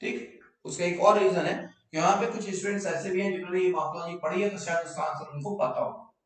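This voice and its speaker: बहुत गूंजते कमरे में ऊँची आवाज़ वाला शिक्षक. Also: male voice, high-pitched, steady tone, fast, far from the mic. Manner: explains in mixed Hindi and English, repeats key terms, invites student questions. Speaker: biology teacher. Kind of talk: online live class lecture. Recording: very echoey room, voice off-mic.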